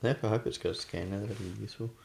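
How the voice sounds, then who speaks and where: A man's voice: fairly low pitch, fairly even intonation, fast talker, gravelly, a little mellow, a little hiss or hum. A man hosting a casual chat, talking hesitantly with lots of fillers and trailing phrases. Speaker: podcast host.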